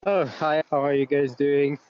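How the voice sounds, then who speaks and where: A man's voice: fairly high pitch, fairly even intonation, normal speed, a little mellow, clean tone, no echo, muffled recording. A man calling in from outdoors while on a walk, asking friendly, hesitant questions over a phone. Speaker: caller. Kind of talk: live online Q&A.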